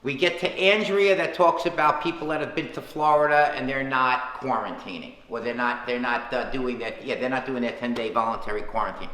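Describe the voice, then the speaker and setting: A man's voice: mid-range voice, a little fast, hardly any pauses, sharp tone. Earnest man on an echoey conference call. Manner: earnest, emphatic, lists points by number. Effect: heard over a conference call line. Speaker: town official leading a public teleconference. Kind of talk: public Q&A answers.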